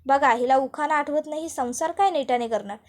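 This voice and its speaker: A woman's voice: high voice, a little fast, close to an everyday voice. A woman voicing a sarcastic older man who mocks the bride. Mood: sneering. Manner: sarcastic, needling. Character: sneering older man, a mocking relative.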